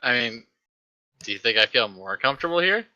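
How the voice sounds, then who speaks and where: A man playing a tabletop game, talking in a hesitant, halting way with many restarts. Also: mid-range voice, big pitch swings, sharp tone, muffled recording. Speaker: player.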